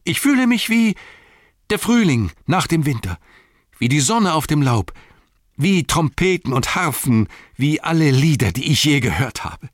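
A man reading an audiobook voices an excited young male hobbit servant who exclaims breathlessly. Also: medium pitch, moderate pace, pauses often, breathy edge, no room sound, studio quality, pitched above the performer's own voice. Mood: joyous. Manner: breathless, exclaiming, bursting with joy.

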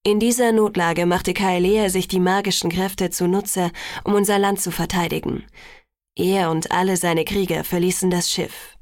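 Brief: woman reading old elder telling legends, solemn and measured, dry close sound. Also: on the low side, fairly even intonation, darkish tone, dry recording, close to an everyday voice. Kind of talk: audiobook reading.

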